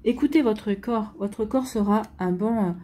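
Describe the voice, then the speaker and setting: A woman gives a tarot reading and talks directly to her viewers. Her voice is mellow and dark with a husky edge. She speaks hesitantly, with many fillers and restarts. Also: mid-range voice, unhurried. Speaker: tarot card reader. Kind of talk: spontaneous tarot reading to camera.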